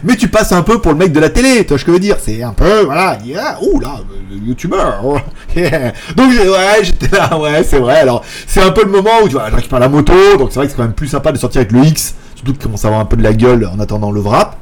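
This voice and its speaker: Lively jokey French-speaking man rambling. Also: quick pace, hardly any pauses, a crowd in the background. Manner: rambling and jokey, laughs often, mimics others in a high voice. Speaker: tech YouTuber hosting a daily live. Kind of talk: casual live chat. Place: apartment in Thailand.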